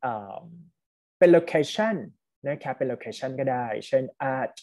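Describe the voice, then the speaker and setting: A man with a Thai accent teaching an online English test class, mixing Thai with English and reading test lines slowly. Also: medium pitch, expressive, warm tone.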